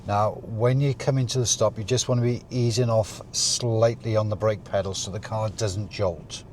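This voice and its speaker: A man with a fairly low voice speaks as a driving instructor. He explains things calmly, step by step, while demonstrating at the wheel. The recording is made inside a car, with faint vehicle noise behind him. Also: moderate pace.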